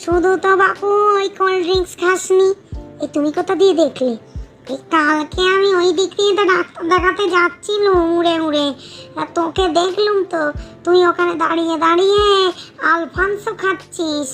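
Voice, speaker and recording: A woman's voice: very high voice, fairly even intonation, a little fast, a bit bright, faint music behind. A woman voicing a fussy middle-aged female ghost with a toothache in a cartoon. She sounds whiny and bossy, and she bargains to get her way. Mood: scolding. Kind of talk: cartoon voice acting.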